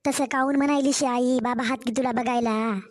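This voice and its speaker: A woman's voice: sits high, fairly even intonation, brisk, natural voice. A woman voicing a weary young new mother. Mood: tired. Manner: complaining, pleading. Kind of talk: cartoon story voice acting.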